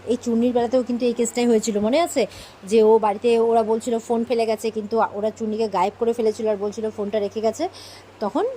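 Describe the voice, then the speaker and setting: Lady zipping through a serial recap, soft mellow tone, bit of faint hiss. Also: fairly high pitch, poor audio. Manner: brisk retelling, voicing characters' quoted lines. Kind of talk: casual retelling of a TV serial episode.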